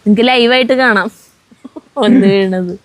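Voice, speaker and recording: A woman's voice: mid-range voice, normal speed, no echo. Woman reading viewer comments aloud, dry sound. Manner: reads steadily, breaks off to chat and joke. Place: outdoors at home on a windy day.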